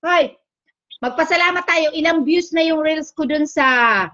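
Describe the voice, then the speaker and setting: A woman's voice: sits high, unhurried, sharp tone. A woman hosting a casual livestream, chatting, teasing her guest and reading out viewer comments. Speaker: livestream host. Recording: dull lo-fi stream audio.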